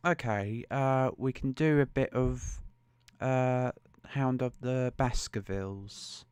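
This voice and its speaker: A man's voice: mid-range voice, takes it slowly, clear, resonant tone, no room sound. A man live-streaming a novel reading, chatting easily with viewers by name between passages. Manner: greets viewers by name, easygoing and amused. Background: soft suspense music.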